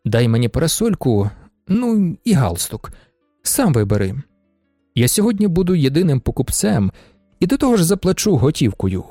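A middle-aged merchant, brooding and guarded, with a wry, curt way of talking, voiced by a male narrator. The voice is slightly high and rises and falls widely. The recording is dry and close. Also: big pitch swings, moderate pace, mellow, dry recording, faint music behind.

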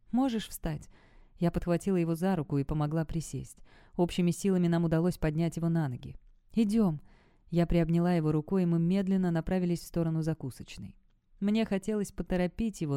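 A woman narrating a first-person story in an audiobook, with a steady, tense storytelling delivery close to a studio mic. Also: lowish voice, clear, resonant tone, no room sound.

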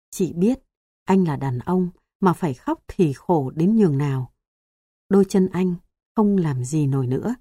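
Woman, audiobook narrator, tender storytelling, mellow tone, dry close recording. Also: lowish voice, no echo.

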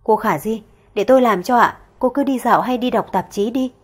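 A woman's voice: a little high, a little fast, breathy edge. Woman doing an anxious young housemaid. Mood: polite. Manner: polite, worried.

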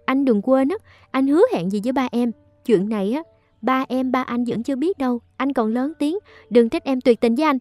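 A woman's voice: sits high, fairly quick, darkish tone, no room sound, soft background music, natural voice. A woman voicing a cold young woman who makes veiled threats. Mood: threatening.

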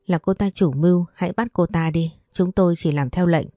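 A woman's voice: fairly low pitch, steady tone, a little fast, mellow, no echo, studio quality, close to an everyday voice. A woman voicing a cowardly captured thug begging for mercy in a storybook. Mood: pleading. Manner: pleading.

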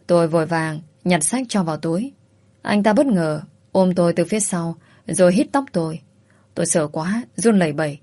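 A woman tells a spoken story in the first person. Her voice sits a little low, and her telling is even and soft-spoken. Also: fairly quick.

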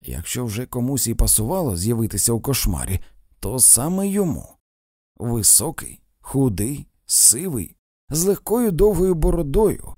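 A man's voice: medium pitch, warm tone, no echo, clean studio sound. A man narrating a comic novel as an audiobook, with a wry storytelling manner. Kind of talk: scripted narration.

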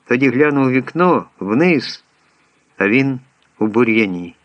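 A man reading a story aloud as narrator in a measured storytelling way. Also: mid-range voice, expressive, no echo, muffled recording.

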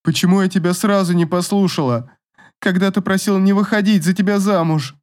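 A man voicing a hurt young wife who pleads and sobs in a higher voice. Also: a little fast, darkish tone, lightly acted. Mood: sobbing. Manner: pleading, sobbing.

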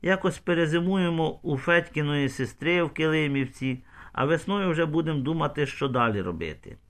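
A man's voice: a little high, lively intonation, normal speed, fairly bright tone. A man voicing a shrewd, pushy village woman trader in an audiobook. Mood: brisk. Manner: persuasive, pushy.

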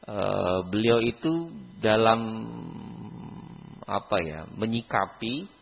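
Male mosque teacher, husky, lively, filler-heavy; dull lo-fi mosque recording. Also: fairly low pitch, in a large hall. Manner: lively, keeps repeating a pious filler phrase. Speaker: Islamic teacher. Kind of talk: mosque religious lesson.

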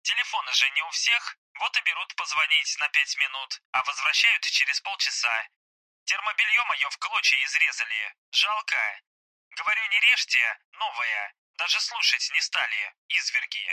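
A man voicing a young wounded soldier in hospital, speaking softly and joking about his complaints over the phone. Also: on the high side, sing-song, normal speed, no room sound, pitched above the performer's own voice, heavily acted, poor audio. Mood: wry grumbling.

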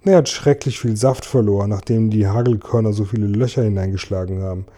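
A man doing a calm young boy giving orders. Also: lowish voice, a little fast, voice pushed down, natural voice.

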